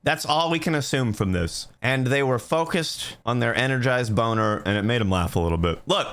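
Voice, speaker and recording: A man's voice: mid-range voice, animated, fairly quick, a bit bright. A young man doing comedic commentary as he reads out reviews, joking in slangy speech and calling the listener bro. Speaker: YouTuber reading reviews.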